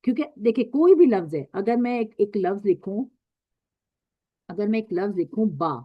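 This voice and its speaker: A woman with a fairly high voice teaches Quran recitation in an online lesson, patiently repeating each point and drawing the letter sounds out slowly. The recording is dry and a little dull, with no room around her. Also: very animated, no room sound.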